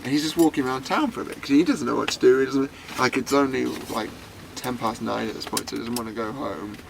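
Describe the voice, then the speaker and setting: A man's voice: medium pitch, fast talker, vocal fry, noisy background. A young British man telling a story casually, chatty and full of fillers.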